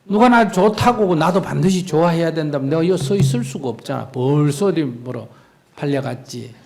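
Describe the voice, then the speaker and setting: A man's voice: on the high side, lively intonation, brisk, gravelly, darkish tone, slight background noise. A man, a Buddhist monk, giving blunt, teasing advice to a questioner in a live Q&A talk. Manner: blunt, teasing, acts out quoted lines. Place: lecture hall with audience.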